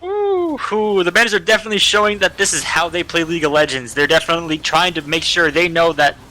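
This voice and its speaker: A man giving color commentary on a live esports match, breaking down plays in a relaxed, slangy way. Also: a little high, fast, rough recording.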